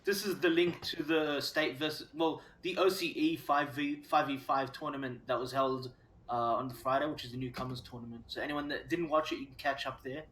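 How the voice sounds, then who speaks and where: A man's voice: medium pitch, fairly even intonation, fairly quick, a bit bright. A man guesting on a casual gaming podcast, chiming in with brief, chatty remarks. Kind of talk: casual chat. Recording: echoey room with faint noise.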